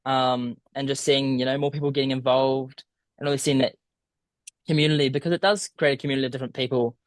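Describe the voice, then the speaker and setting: A man's voice: mid-range voice, level tone, fast talker, no room sound. A young man with a broad southern New Zealand accent, chatting informally and a little hesitantly as an interview guest. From small town in southern New Zealand. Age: young adult. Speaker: podcast guest, student abroad. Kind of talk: casual interview.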